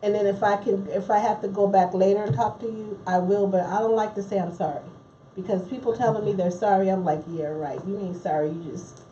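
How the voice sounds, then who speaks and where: Married woman guest, chatty and reflective, mellow voice, heard from across a roomy space with faint ambience. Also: medium pitch, fairly even intonation, fast talker, distant mic, highs cut off, slight background noise. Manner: chatty, reflective, laughs easily. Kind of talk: casual chat.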